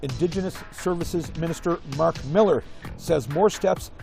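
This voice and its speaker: A male host reading a measured, formal scripted introduction. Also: fairly high pitch, creaky, mellow. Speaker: show host. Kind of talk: scripted broadcast narration. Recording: music bed behind voice.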